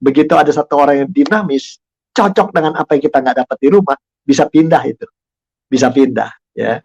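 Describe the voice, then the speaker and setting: An older man speaking as a guest in a casual talk show, lively and laughing often as he acts out conversations. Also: on the high side, brisk, vocal fry, slightly rough. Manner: animated, acts out quoted dialogue, laughs often. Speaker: guest speaker, lecturer and author.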